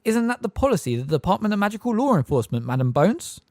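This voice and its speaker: A man reading an audiobook voices a calm old male wizard speaking pleasantly and courteously. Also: high voice, fast talker, no room sound, clean studio sound, pitched above the performer's own voice. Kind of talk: audiobook character voice.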